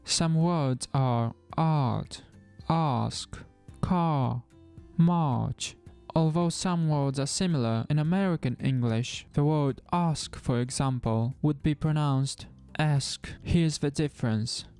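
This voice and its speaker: Slow, clear-voiced man teaching pronunciation. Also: a little high, dark tone, faint music behind. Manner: demonstrates sounds slowly and deliberately. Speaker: language teacher. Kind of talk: pronunciation lesson.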